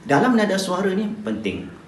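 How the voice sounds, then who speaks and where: A Malaysian-accented male teacher coaching pupils, his pitch swinging widely as he shows off intonation. He sounds set back from the mic in an echoing room. A faint hum of ambience sits behind him. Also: normal speed. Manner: animated, demonstrates speech intonation. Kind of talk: spoken tips lesson to pupils. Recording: roomy, distant mic, faint ambient noise.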